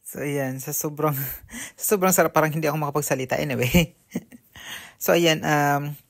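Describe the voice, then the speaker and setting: A man's voice: a little high, creaky, a little hiss or hum. A young man vlogging casually while walking a cold city street, phone held at arm's length, chatty and shivering. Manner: slow, chatty, often says "so, ayan". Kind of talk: casual travel vlog. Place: outdoors on a city street and in a train.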